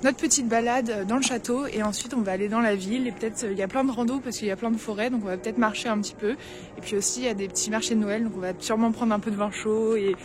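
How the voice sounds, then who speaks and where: A woman's voice: fairly high pitch, fairly even intonation, quick pace, music in the background. A young woman chatting casually to her viewers while touring a snowy town and tasting market food. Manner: chatty, lots of fillers, addresses viewers directly. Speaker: travel vlogger. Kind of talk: casual travel vlog. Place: outdoors at a snowy castle and Christmas market. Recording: outdoor recording with street noise behind.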